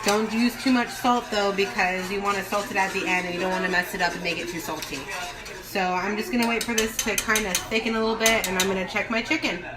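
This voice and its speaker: A woman's voice: medium pitch, steady tone, fast. A woman giving a casual, loose cooking demonstration, thinking aloud and wandering off on playful asides. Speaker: home cook hosting a cooking video. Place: home kitchen, recorded on a phone. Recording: noisy kitchen, clattering dishes and pans.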